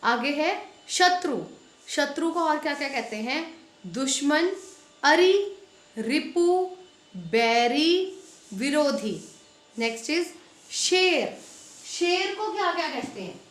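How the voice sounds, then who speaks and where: A woman school Hindi teacher giving a lesson, reading out word lists slowly and stressing each word and its spelling. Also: sits high, lively intonation, a bit bright, roomy sound. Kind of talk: online class lesson.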